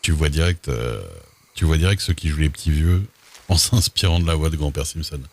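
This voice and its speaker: A man's voice: a bass voice, fairly quick. A man chatting casually while streaming a game, laid-back and hesitant, often stopping on fillers. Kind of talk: casual gameplay chat.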